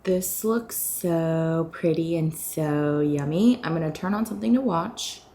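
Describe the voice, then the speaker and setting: A woman's voice: deep voice, a little slow, dark tone, a little hiss or hum. A young woman vlogging casually while she cooks and eats breakfast at home, chatty and bubbly, with lots of "like" fillers. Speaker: lifestyle vlogger. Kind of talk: casual chat to camera while cooking and eating. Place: home kitchen.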